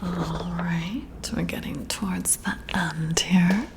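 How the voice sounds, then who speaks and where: The recording is very noisy, and the woman's fairly low, gravelly voice holds a fairly even intonation. In this ASMR roleplay she is a flirty, intrigued boss giving a personality test, whispering slowly, breathily, and admiringly near the mic, a little hesitant.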